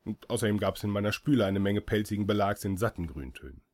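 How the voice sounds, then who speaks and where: A man's voice: on the low side, lively intonation, fast, a little mellow. A man reading a first-person story aloud as an audiobook, with dry, ironic delivery. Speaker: audiobook reader.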